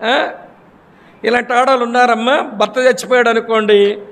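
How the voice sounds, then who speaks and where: A man preaching a sermon, telling stories and acting out the voices of the people in them. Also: normal speed. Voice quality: high-pitched, animated storytelling with acted quotes. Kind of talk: sermon with storytelling. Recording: long hall reverb.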